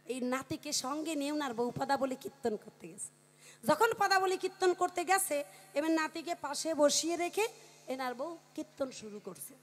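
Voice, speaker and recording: A woman folk performer telling a comic story live on stage into a microphone. She talks in a lively way and calls out to the crowd. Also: sits high, moderate pace.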